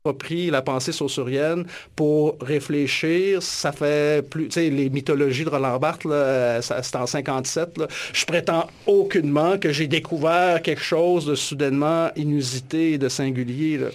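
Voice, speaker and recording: An author and academic with a Quebec French accent gives a reflective interview in a slightly high, steady voice at normal speed. He speaks thoughtfully, hesitating and restarting his sentences often.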